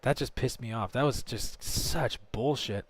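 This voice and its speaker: A man's voice: medium pitch, measured pace. A man streaming a game, talking to viewers in live commentary and swearing often as he rants.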